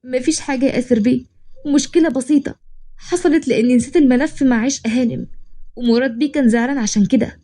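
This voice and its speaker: A shy young Egyptian office worker, read by a woman, timid and polite. She speaks quickly in a mellow, slightly high voice. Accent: Egyptian Arabic. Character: shy, tearful young female employee.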